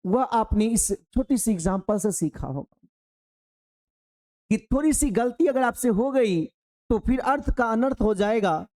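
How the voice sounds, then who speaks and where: A man with a very high-pitched, slightly mellow voice teaches an online exam-prep grammar lesson. Addressing his students directly, he works slowly through an example and repeats key phrases for emphasis.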